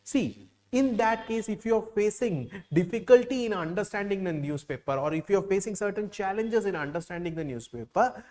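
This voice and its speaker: A man's voice: sits high, expressive, a little fast, a little mellow. A man from Kerala with a Keralite Indian English accent giving a classroom lecture as an exam coaching teacher, repeating phrases with many "uh" and "like" fillers.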